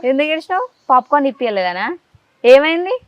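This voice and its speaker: A woman runs a casual interview, coaxing a child with a stream of rapid questions. Her voice sits a little high and she talks briskly. The recording is dry and slightly dull, with a lo-fi edge. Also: sing-song.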